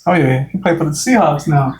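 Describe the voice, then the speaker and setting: A man's voice: on the high side, lively intonation, a little fast, a little mellow. A man hosting a casual cooking vlog in a home kitchen, laid-back and calling his viewers y'all. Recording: noisy home recording.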